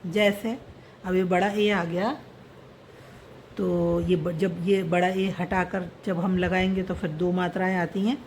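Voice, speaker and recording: A woman's voice: lowish voice, little pitch movement, a little slow, a little mellow, a little hiss or hum. A woman teaching how to read and write a script, patiently repeating each word and spelling it out piece by piece. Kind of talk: slow explanatory script lesson.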